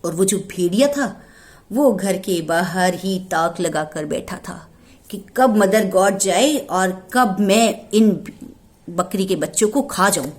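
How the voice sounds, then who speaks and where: A woman narrating a children's folk tale and then giving parenting advice, expressive and often dropping to a hushed whisper. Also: mid-range voice, slow. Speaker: storyteller and parenting speaker.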